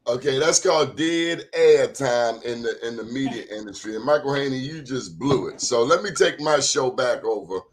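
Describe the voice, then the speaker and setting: An American man hosting a casual, opinionated talk show in an animated, expressive way. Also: medium pitch, normal speed, hardly any pauses.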